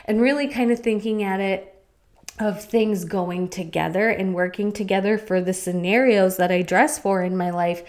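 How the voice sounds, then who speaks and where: A woman's voice: mid-range voice, steady tone, moderate pace, darkish tone. A young adult woman hosting her own podcast, talking in a chatty, rambling, upbeat way into a studio mic. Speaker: podcast host and fitness coach. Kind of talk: casual podcast chat.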